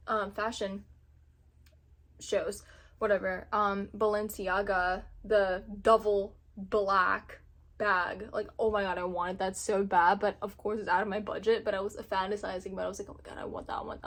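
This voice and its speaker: A woman in her twenties from Indonesia, chatting casually to camera as a vlogger, animated and laughing often. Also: mid-range voice. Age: 20s.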